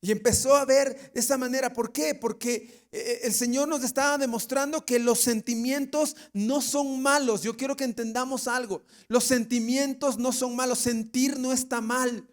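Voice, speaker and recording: Preaching at normal speed with hardly any pauses, this very high-voiced man keeps a steady tone. He is a pastor with an Ecuadorian Spanish accent who questions his congregation, jokes, laughs, and occasionally acts out the people he quotes.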